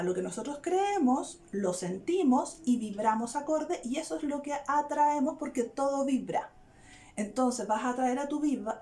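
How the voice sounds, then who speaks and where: A woman, a therapist explaining an idea to her viewers in casual talk that is often broken up by "¿ya?". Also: high voice. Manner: frequent "¿ya?" check-ins, animated and searching for words. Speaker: therapist and video host.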